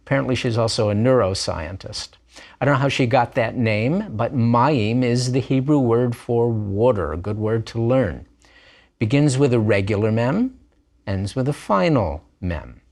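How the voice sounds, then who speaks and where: A man's voice: medium pitch, expressive, moderate pace, a little mellow. A man teaching a language lesson, explaining letters patiently and step by step. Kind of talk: recorded lesson narration.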